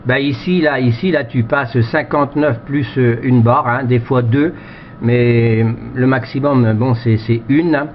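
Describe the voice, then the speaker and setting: Through muffled, noisy two-way radio audio comes a man from France making casual contact as an amateur radio operator. His mid-range voice is unhurried with fairly even intonation, and his talk rambles and repeats.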